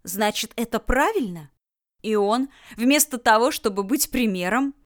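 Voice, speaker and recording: A woman doing a shrill, squealing indignant older lady. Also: lively intonation, unhurried. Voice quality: shrieking, squealing. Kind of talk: audiobook character voice.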